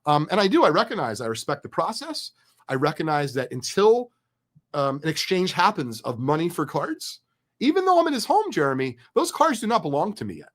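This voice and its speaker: A middle-aged man telling a story in an excited, chatty, candid way as a guest. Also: fairly high pitch, brisk. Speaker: card collecting business guest. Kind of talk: animated storytelling.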